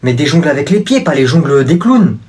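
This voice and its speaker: A man's voice: a little high, sing-song, fairly quick, a little mellow, slight background noise. A man playing a cheerful father patiently coaching his son. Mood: encouraging. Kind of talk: comedy sketch acting.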